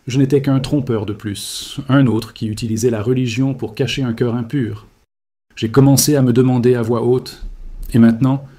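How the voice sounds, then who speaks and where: A man's voice: medium pitch, mellow. A man reading a grave, confessional first-person religious testimony in a solemn scripted narration.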